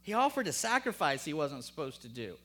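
A man preaching a sermon, emphatic and rhetorical, calling on the congregation, then lowering to a hushed voice when reading scripture. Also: big pitch swings, a little fast. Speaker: pastor.

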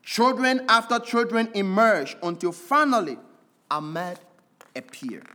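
A preacher telling a sermon illustration story with deliberate pacing and dramatic pauses, then exhorting listeners with emphatic repetition. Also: mid-range voice, lively intonation, pushed and bright.

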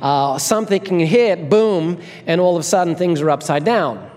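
A man's voice: a little high, lively intonation, normal speed, a little mellow. A man preaching a sermon in a conversational way, repeating key phrases and checking in with the congregation. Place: large reverberant room, live before a congregation. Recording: reverberant hall.

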